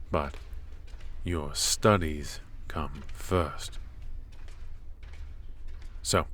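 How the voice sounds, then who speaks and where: In an ASMR roleplay, a man with a low voice plays a cold, strict royal professor of magic. He's stern and clipped, dropping dry, condescending remarks.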